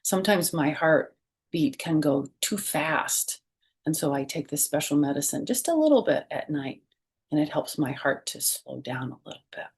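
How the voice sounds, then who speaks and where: A woman with a low-pitched, darkish voice hosts a children's storytime, sounding animated at a moderate pace. She reads aloud expressively and speaks directly to young listeners with questions and simple explanations.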